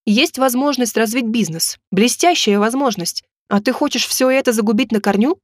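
A woman's voice: on the high side, dry recording, clean studio sound, close to an everyday voice. A woman voicing a pushy young man who keeps pressing for money and takes offence easily, in an audiobook. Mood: resentful. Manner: insistent, quick to take offence. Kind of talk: audiobook reading.

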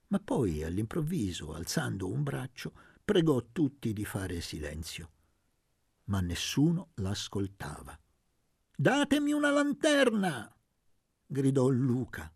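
A man with a husky, gravelly voice narrating a novel aloud, dramatic and expressive. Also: mid-range voice, no room sound, studio quality. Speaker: audiobook reader. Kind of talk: literary audiobook narration.

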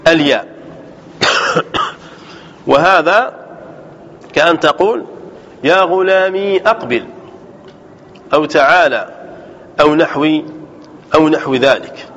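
A sheikh teaching a grammar lesson, explaining slowly and deliberately, repeating points and correcting himself as he goes. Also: sits high, a bit bright. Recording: dull lo-fi recording with faint background noise.

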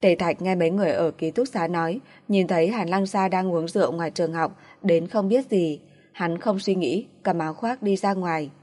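A woman narrating an audiobook novel in a steady, even reading. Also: lowish voice, a little fast.

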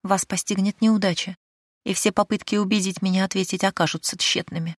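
A woman voicing a cheeky, sharp-tongued young maidservant in an audiobook, with a mocking, teasing manner. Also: medium pitch, steady tone, fairly quick, no echo, studio quality, lightly acted.

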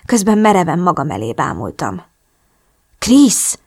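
A woman narrating a first-person novel as an audiobook, expressive and emotional. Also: medium pitch.

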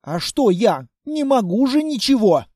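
A man's voice: extremely high pitch, very animated, a little slow, a little mellow, dry recording, clean studio sound, heavily acted. A man voicing a timid, fussy young male theorist who whines and frets. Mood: whiny. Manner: whiny, fretful.

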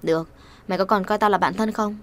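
A woman voicing a protective young man in an audio storybook, quick and pressing as he keeps asking questions. The pace runs brisk and the voice stays at a middle pitch. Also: fairly even intonation, a bit bright, close to an everyday voice. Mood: insistent. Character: young man, pushy, protective best friend.

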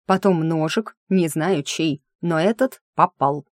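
A woman's voice: sits low, slow, dry recording. A woman reading a first-person audiobook in a wry, sardonic inner-monologue manner, close to the mic. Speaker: audiobook narrator.

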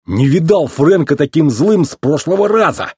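A man putting on a rusty old tow truck who is goofy, teasing and boastful, stretching his words out in a slow, sing-song drawl. The voice sits well above a normal man's speaking pitch and swoops widely, with a husky edge, and it sounds close and dry. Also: animated, a little mellow, no room sound, exaggerated voice. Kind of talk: storybook reading.

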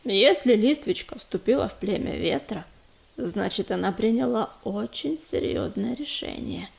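A woman doing a calm young tomcat warrior. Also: medium pitch, creaky, pitched below the performer's own voice. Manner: calm, measured. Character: young male warrior cat, calm and level-headed.

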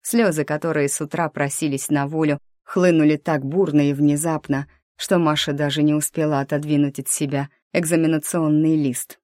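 A woman reads a novel aloud in a low, even voice. The recording is close and dry, with no room around it. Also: normal speed, few pauses, no echo. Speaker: audiobook narrator. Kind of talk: scripted narration.

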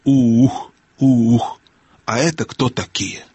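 A fussy, excitable owl, voiced by a male narrator, hooting and drawing out her rhymes very slowly. Her voice is soft yet carrying, husky and dry, read for a storybook. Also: medium pitch, no room sound, highs cut off. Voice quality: soft but loud hooting voice. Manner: slow, hooting, speaks in rhymes. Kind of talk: audiobook character voice.

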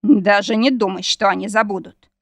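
A woman's voice: mid-range voice, fairly even intonation, normal speed, no room sound, natural voice. A woman voicing a growling demon husband. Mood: mocking. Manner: growling, husky. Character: hot-tempered male demon husband. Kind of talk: audiobook character reading.

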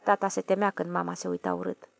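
Gravelly woman narrating a story. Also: lowish voice, flat delivery, no echo. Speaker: audiobook narrator. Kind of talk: literary audiobook narration.

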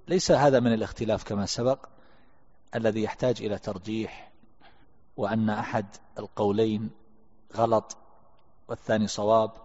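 A man teaching a religious text, reading passages aloud and explaining them in a calm lecture. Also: lowish voice. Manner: calm explanatory, reads quotes aloud then comments. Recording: lo-fi recording in a reverberant hall.

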